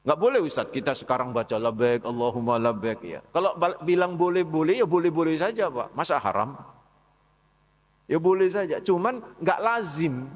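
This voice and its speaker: Speaking at a dawn study session, this preacher keeps things conversational and frequently calls out to his audience as "Pak" and "saudara." His slightly high voice has lively intonation and a moderate pace, echoing with long reverb through the large mosque hall.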